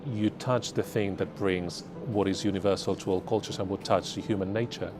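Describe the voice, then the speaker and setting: A man, a head of production, speaking in a measured, thoughtful way in a promo film interview. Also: low voice, fairly even intonation, music in the background.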